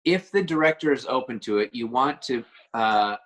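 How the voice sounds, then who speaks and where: A man's voice: mid-range voice, expressive, moderate pace, fairly bright tone. A man, an actor being interviewed, talking casually and rambling a bit as he searches for words. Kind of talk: casual chat.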